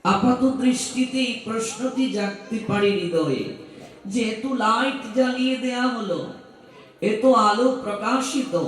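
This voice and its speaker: High-voiced preacher with echoing PA sound. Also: male voice. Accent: Bangladeshi Bengali. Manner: slow, rhetorical questions, chants Sanskrit slowly. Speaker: scripture reader and preacher. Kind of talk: devotional sermon with chanted mantra. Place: open-air festival ground at an ashram. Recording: very echoey, distant PA sound.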